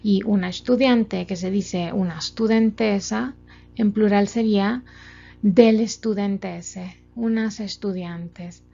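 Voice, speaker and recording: A woman's voice: medium pitch, vocal fry, mellow. A woman teaching a grammar lesson from slides, explaining step by step with many examples. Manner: slow, methodical explaining with examples. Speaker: language teacher. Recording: dull lo-fi sound, faint music.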